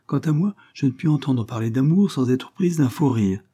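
A man's voice: medium pitch, lively intonation, normal speed, mellow, breathy edge, voice pushed up. A man reading an audiobook, voicing a proud, capricious young noblewoman who talks in a mocking, imperious way.

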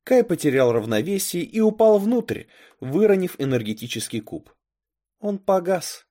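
A man narrating a storybook chapter with expressive, dramatic delivery. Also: high-pitched, normal speed. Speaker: story reader.

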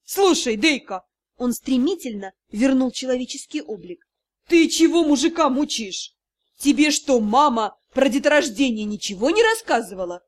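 A woman reads a brash male dragon in an audiobook, a doting cat-father with a cheeky streak. He talks loud and teasing and acts innocent. The voice sits fairly high and swings widely. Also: big pitch swings, normal speed.

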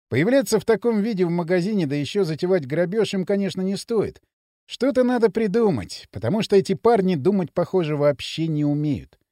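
A man narrating an audiobook in an expressive, wry storytelling manner. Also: high voice, no room sound, studio quality.

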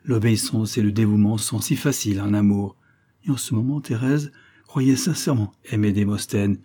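A man reading a novella aloud in measured scripted narration. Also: fairly low pitch, fairly even intonation, warm tone. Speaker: audiobook reader.

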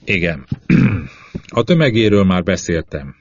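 A man's voice: fairly low pitch, a little mellow, natural voice. A man voicing an earnest male astronaut who explains things in an audiobook. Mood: explaining. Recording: slightly dull lo-fi audio.

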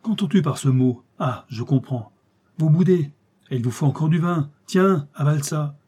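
A man reading aloud who voices a cruel, boisterous tyrant king with loud, mocking commands. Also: a little high, normal speed, husky. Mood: furious.

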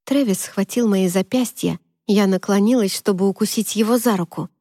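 A woman reading a first-person story aloud in steady, measured scripted narration on a close mic. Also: medium pitch, dry recording. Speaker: audiobook narrator.

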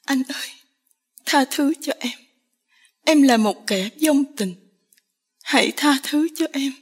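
A woman's voice: high-pitched, lively intonation, slow, pitched above the performer's own voice. Woman reading as a tearful young village girl. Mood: sobbing apology. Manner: tearful, pleading.

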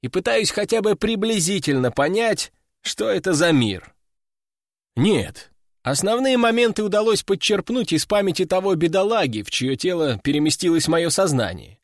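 Wry, lively male audiobook narrator. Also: sits high, normal speed, dry recording, clean studio sound. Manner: wry, ironic storytelling. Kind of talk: first-person audiobook narration.

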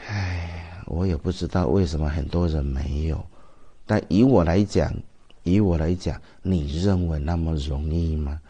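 Deep-voiced Taiwanese monk giving a chatty sermon. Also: male voice, fairly even intonation, normal speed, few pauses, dark tone, husky. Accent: Taiwanese Mandarin. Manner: chatty storytelling, rhetorical questions to the audience. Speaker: Buddhist master. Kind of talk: dharma talk sermon.

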